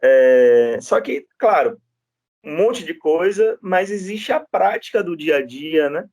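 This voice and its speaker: Man, law lecturer, higher voice, anecdotal, chatty with restarts. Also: lively intonation, slow, a little mellow, no room sound. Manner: storytelling, frequent tag questions and restarts.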